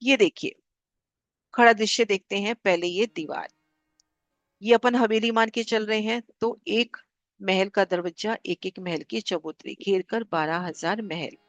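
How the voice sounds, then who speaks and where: A woman leads a devotional lesson in a steady, guiding voice and says the important figures twice. Her voice sits at an ordinary middle pitch. The sound is close and dry, with no room around it. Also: a little slow, no room sound. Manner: calm, guiding, repeats figures for clarity. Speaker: spiritual class teacher. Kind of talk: devotional lesson explaining maps.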